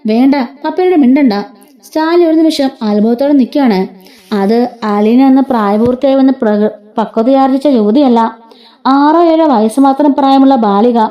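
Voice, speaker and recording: A woman's voice: high-pitched, moderate pace. A woman narrating a serial story, reading the dialogue without much change of voice. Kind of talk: read-aloud story narration. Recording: dull lo-fi sound.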